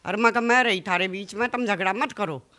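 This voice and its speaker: Speaking with a Haryanvi accent, this mother of the interviewed man gives an emotional account of a family quarrel for local news. Her mid-range voice has a sharp tone. She talks quickly and pleadingly, full of quoted exchanges.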